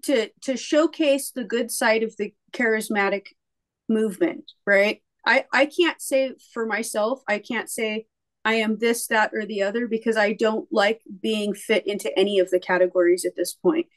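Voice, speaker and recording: A woman's voice: a little high, steady tone, moderate pace. A woman co-hosting a casual theological discussion, talking conversationally with hesitant repeats. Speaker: podcast co-host.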